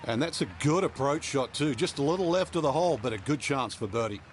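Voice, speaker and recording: A male golf commentator, acting as analyst. His mid-pitched voice is casual and explanatory, over faint outdoor noise. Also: animated, fast.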